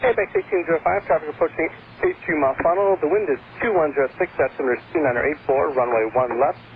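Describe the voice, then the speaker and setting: Fast-talking air traffic controller on radio. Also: male voice, a little high. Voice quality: interrupted by hiccups. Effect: aviation radio. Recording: narrow, tinny radio channel with faint static.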